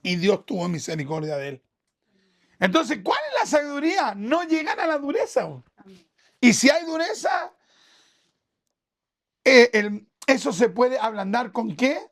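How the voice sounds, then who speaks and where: A Chilean man preaching to a congregation, his voice rough with gravel. He keeps it conversational and checks in with his listeners through question after question. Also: extremely high pitch, very animated, measured pace, long pauses, a bit bright. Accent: Chilean Spanish. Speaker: pastor. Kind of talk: sermon.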